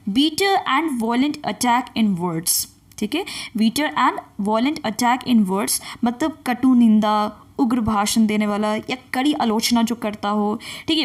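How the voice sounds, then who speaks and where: High-voiced woman teaching vocabulary. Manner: reads English definitions slowly, then explains and quizzes with repeated questions. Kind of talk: bilingual vocabulary lesson.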